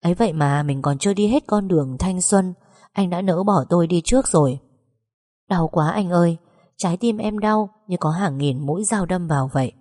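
Lady reading an audiobook story, expressive, lowish voice, lots of reverb. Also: moderate pace. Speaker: narrator. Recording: long reverb.

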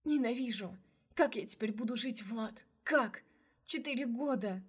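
A young heroine in an audiobook, her voice strained and high from crying. She lashes out with bitter sarcasm between sobs, as a woman reader acts her out. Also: measured pace, slightly rough. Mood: sobbing. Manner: sarcastic, then breaking into sobs. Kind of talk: audiobook character voice.

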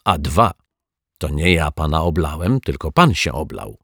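A man voicing a calm, clever male detective in a children's story, speaking in a matter-of-fact way. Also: a bass voice, a little slow, vocal fry, breathy edge, no room sound, studio quality, exaggerated voice.

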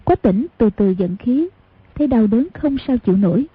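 A woman narrating an audiobook in a steady, measured way with a husky voice, on a tinny lo-fi recording. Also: fairly high pitch, dry recording, soft background music. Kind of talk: storytelling narration.

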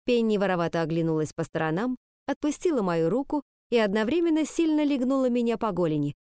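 A woman narrating a story in the first person with a lively storytelling manner. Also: on the high side, quick pace, clear, resonant tone, no room sound, clean studio sound. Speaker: audiobook narrator. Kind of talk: audiobook reading.

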